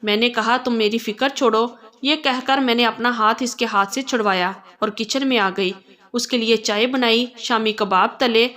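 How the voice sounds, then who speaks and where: A woman narrating a first-person story in a steady, expressive storytelling manner. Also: on the high side.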